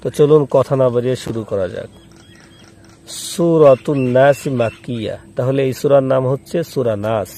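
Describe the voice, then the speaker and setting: Man, recitation teacher, mellow warm voice, spells letters then chants slowly, patient and repetitive. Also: mid-range voice, a little hiss or hum. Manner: patient, repeats rules for the listener to remember. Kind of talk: step-by-step recitation lesson.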